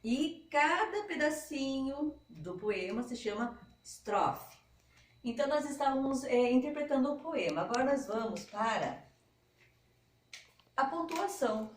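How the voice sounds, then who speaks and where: A woman's voice: high-pitched, lively intonation, measured pace, a little hiss or hum. A woman teacher giving a patient, step-by-step lesson to schoolchildren. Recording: echoey room, mic at a distance.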